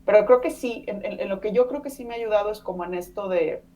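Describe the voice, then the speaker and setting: Recorded on a distant mic, a Mexican woman in her thirties who speaks Spanish as her first language chats casually as a podcast guest, full of fillers and tag questions. Her medium-pitched voice is mellow and she talks at a quick pace.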